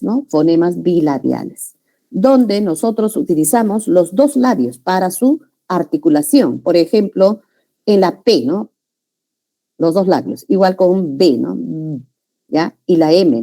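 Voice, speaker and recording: A woman's voice: on the low side, warm tone. A woman from Peru, lecturing a class on linguistics, explaining patiently and checking in with frequent tag questions. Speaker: teacher.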